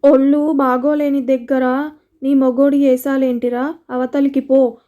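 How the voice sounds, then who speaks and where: Storybook: woman reading a stern older village mother-in-law, high flat delivery, blunt. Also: unhurried, lo-fi sound. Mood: scolding. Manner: scolding, blunt.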